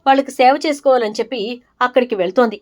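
A woman's voice: a little high, very fast, natural voice. Woman voicing an earnest pleading son. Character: grown son, pleading and reasoning with mother.

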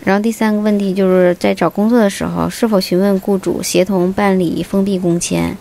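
Woman vlogger doing voice-over q&a, kinda monotone, gravelly fry in the voice, lots of little filler words. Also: mid-range voice, brisk. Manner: steady, informative, with many connective fillers. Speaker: vlogger answering viewer questions. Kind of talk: casual explanatory voice-over.

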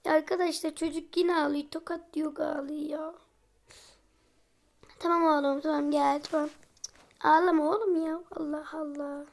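Woman vlogger, high voice, chatty, exasperated, jokey. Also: flat delivery, normal speed, vocal fry, pauses often. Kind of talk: comedic role-play vlog.

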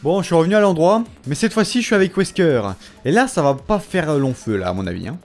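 Excitable French-speaking gamer taunting enemies. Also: male voice, on the high side, fast, soft background music. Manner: talks at the game characters, taunting and mocking enemies; swings from muttering to excited yelps. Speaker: let's play gamer. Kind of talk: casual gameplay commentary.

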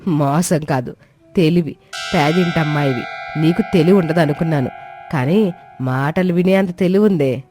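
A woman's voice: low-pitched, moderate pace, pauses often, over music, close to an everyday voice. A woman voicing a scheming, domineering middle-aged mother-in-law who talks in a scornful, commanding way. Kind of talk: Telugu audio drama acting.

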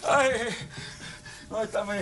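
A man with a Cuban accent playing an excitable, bossy old man in a TV comedy sketch, fretting and exclaiming often. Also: high voice, slow, full character voice. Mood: flustered fussing. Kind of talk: TV sitcom acting.

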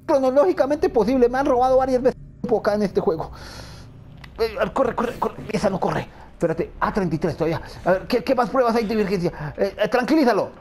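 A man's voice: high voice, brisk, a little mellow, a little hiss or hum. A man giving frantic let's-play commentary, talking to himself and repeating words. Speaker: gamer.

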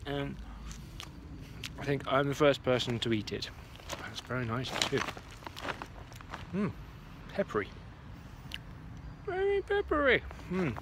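A man's voice: medium pitch, background noise. A man in his forties chatting casually to a phone camera while walking around his garden allotment, muttering to himself as he checks on things. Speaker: vlogger. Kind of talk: casual walk-and-talk vlog. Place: outdoor garden allotment at dusk. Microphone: phone camera at arm's length.

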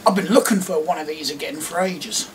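Talking a little fast in a fairly high voice, a middle-aged man from England sorts toy cars at an indoor desk and rambles casually, often mocking himself. He's a diecast collector vlogger; the distant mic adds some hiss or hum along with clicks and clatter.

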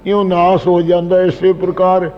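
A man's voice: high-pitched, completely flat delivery, moderate pace, in a large hall, dull audio. A man earnestly expounding scripture line by line, addressing his listeners directly.

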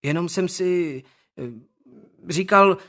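A man's voice: high-pitched, a bit bright, voice pushed up. A man voicing a shy, hesitant teenage boy in an audiobook. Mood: timid. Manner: hesitant, timid.

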